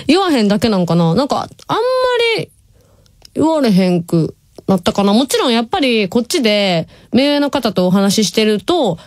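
A woman's voice: on the high side, sing-song, moderate pace, dry recording, clean studio sound. A woman in her twenties from Hyogo with a Kansai accent, chatting casually on her radio show and reading listener messages, laughing often. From Nishinomiya, Hyogo, Japan. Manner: chatty, laughs often, drawls some words. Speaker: radio host. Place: radio studio.

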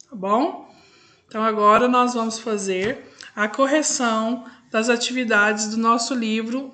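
A woman with a fairly high, fairly bright voice and a Brazilian Portuguese accent teaches a recorded lesson. She explains patiently, one step at a time, stretching out words as she pronounces them.

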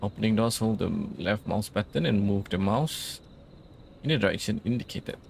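A man with a fairly low, gravelly, animated voice provides laid-back let's play commentary at normal speed. As host of the gaming video, he mutters his thinking aloud and reads on-screen instructions, with slight background noise.

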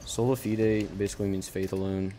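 A man with a very low, dark voice gives loose commentary over a game. He speaks in a flat, even line. He rambles and keeps restarting his sentences. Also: slight background noise. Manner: rambling, halting, self-correcting. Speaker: gaming channel host. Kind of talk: casual gameplay commentary.

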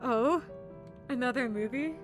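A woman's voice: a little high, measured pace, soft background music. A woman playing an awkward young male gamer on a date, talking in a hesitant, stumbling way. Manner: hesitant, stumbling, breaking into laughter.

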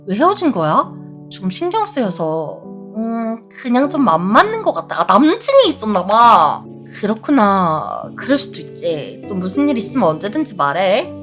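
A woman's voice: on the high side, sing-song, moderate pace, fairly bright tone, soft background music. A woman streamer playing a horror game, reading lines aloud and swearing and shrieking when startled. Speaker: VTuber streamer. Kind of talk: horror game let's play with reading out dialogue.

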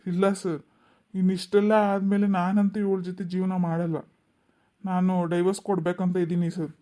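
A woman's voice: fairly low pitch, level tone, normal speed, dark tone, natural voice. A woman voicing a young husband and son who pleads with a police officer in a cartoon. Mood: pleading.

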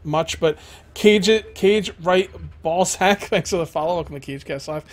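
A man's voice: a little high, normal speed. A man almost forty, hosting a game stream, ranting bluntly about money and reading out follower thanks. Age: 30s. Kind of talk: casual chat while streaming a game.

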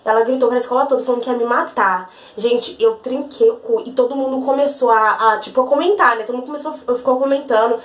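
Fast-talking young woman, chatty and high. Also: steady tone, echoey room. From Brazil. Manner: chatty, keeps saying "gente" and "entendeu". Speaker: vlogger. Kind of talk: casual storytelling to camera.

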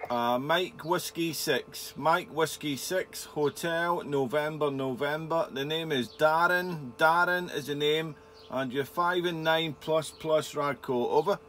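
A man's voice: on the high side, takes it slowly, fairly bright tone, slight background noise. A man working as an amateur radio operator, exchanging call signs and short signal reports. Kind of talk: ham radio contact exchange.

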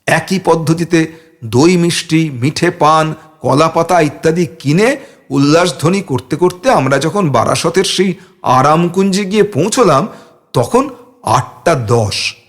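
Brief: male audiobook reader with a high voice, expressive storytelling. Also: measured pace. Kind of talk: storytelling narration.

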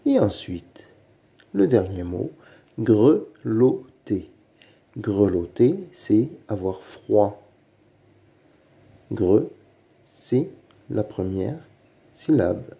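A man leads a children's reading lesson, saying each word slowly and then saying it again. His voice is low and very dark, and it swings up and down with a lot of life. He takes his time on every syllable. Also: big pitch swings, gravelly, dull audio. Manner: slow, deliberate, repeats each word and syllable. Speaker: reading teacher.

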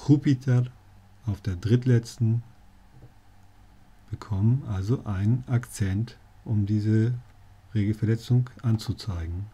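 A man's voice: mid-range voice, dark tone, husky. A male teacher explaining spelling rules to learners, with dry jokey asides. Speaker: language teacher.

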